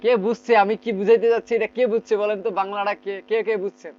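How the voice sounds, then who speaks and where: A man's voice: high voice, little pitch movement, fast talker, darkish tone. A man from Bangladesh teaching a spoken English class online, correcting students and having them repeat sentences. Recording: slightly muffled, faint background noise.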